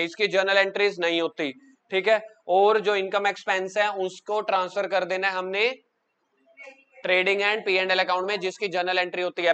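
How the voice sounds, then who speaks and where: A man teaches an accounts class in a high, smooth and resonant voice. He fires quick questions at the students and coaxes answers out of them. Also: fairly bright tone. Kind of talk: classroom lecture.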